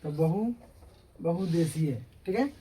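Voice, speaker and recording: A man's voice: fairly high pitch, takes it slowly, dark tone, slightly rough, low-quality recording. A male teacher giving a classroom grammar lecture, explaining step by step and often checking that students understand.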